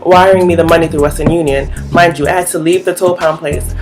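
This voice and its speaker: A young woman tells her story casually, rambling along with "like" in almost every line. Her voice sits a little low for a woman. Music plays clearly behind her. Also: fairly quick. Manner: rambling, heavy use of "like", animated retelling. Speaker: vlogger.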